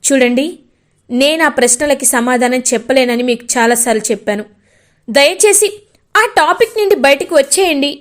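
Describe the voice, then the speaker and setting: A woman's voice: high-pitched, normal speed, natural voice. A woman voicing a young woman who is flustered yet firm as she turns aside a suitor.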